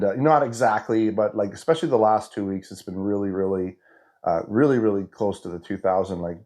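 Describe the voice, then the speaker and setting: A stuffy-nosed man in his fifties, voice on the low side and a little mellow, talks casually in his fitness update vlog. Congested from a cold, he rambles, keeps restarting sentences, and leans on "you know."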